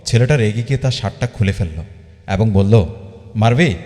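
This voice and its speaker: A man narrating a fan-dub story in a steady, plain recounting manner. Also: fairly low pitch, a little fast, long reverb tail, background noise.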